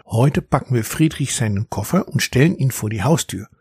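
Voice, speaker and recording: A man voicing a mischievous male mouse in a storybook, speaking in a low, husky, conspiratorial voice. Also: lively intonation, normal speed, a little mellow, dry recording, clean studio sound. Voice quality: husky whisper.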